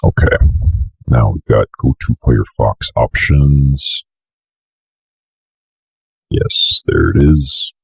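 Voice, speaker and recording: Sitting indoors at a computer desk, a young man gives a casual screen-share tutorial, rambling and thinking aloud as he works. His very deep, husky, gravelly voice is animated yet slow, with frequent pauses, in a dry recording.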